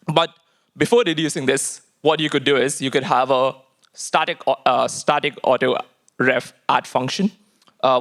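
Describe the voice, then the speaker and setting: Male speaker, creaky voice, mid pitch, informal tech presentation, halting, frequent ums and restarts. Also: a bit bright. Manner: halting, filler-heavy delivery with restarts. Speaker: tech lead giving a conference lightning talk.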